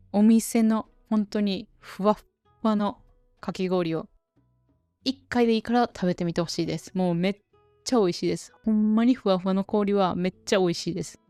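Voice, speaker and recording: A woman with a Kansai Japanese accent hosting a casual solo podcast for Japanese learners, chatty and relaxed. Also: mid-range voice, clean tone, no room sound. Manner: chatty and relaxed, dialect-heavy. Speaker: podcast host teaching Japanese.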